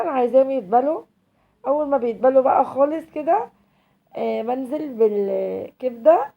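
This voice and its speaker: Fast-talking Egyptian woman with a cold. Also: sits high, warm tone. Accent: Egyptian Arabic. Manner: chatty, addresses viewers directly. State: has a cold. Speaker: cooking channel host. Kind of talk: home cooking tutorial.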